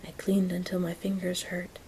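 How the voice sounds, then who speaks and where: A woman whispering a story in a soft, gentle ASMR reading, taking her time. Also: on the low side, completely flat delivery, normal speed, a little hiss or hum. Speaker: reader of an audiobook-style story.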